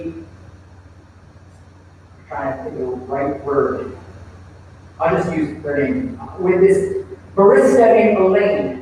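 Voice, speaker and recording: A man's voice: high voice, darkish tone, slight background noise. A man preaching a sermon in a church, telling stories and acting out the voices in them. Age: adult with a child. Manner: storytelling, acts out quoted voices. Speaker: pastor. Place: church sanctuary. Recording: echoey church hall from far off.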